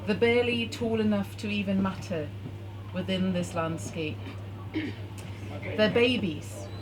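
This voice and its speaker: A woman from Norway, reading her own poem at a poetry night from her phone, measured and deliberate. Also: mid-range voice, over music. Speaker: performing poet. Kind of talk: spoken-word poetry reading. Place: bar hosting a poetry night. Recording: noisy live venue recording.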